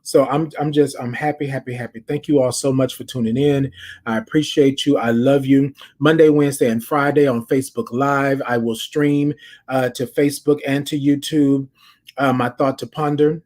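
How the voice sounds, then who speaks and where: In a steady, darkish mid-range voice at normal speed, an American man chats on his casual podcast. He tells stories and talks directly to his listeners, often repeating phrases to stress a point.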